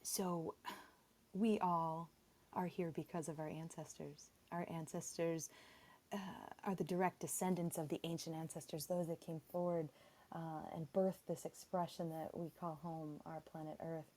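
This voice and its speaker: A woman guest speaking on spiritual ancestry with a calm, measured delivery, her voice faint and distant because she is too far from the phone. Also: low voice. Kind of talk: spiritual talk.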